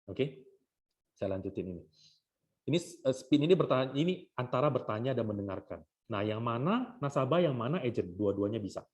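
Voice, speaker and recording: A man leading a sales training session for insurance agents, acting out short exchanges between agents and customers. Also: mid-range voice. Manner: lively, acts out customer and agent lines. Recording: slightly dull lo-fi sound.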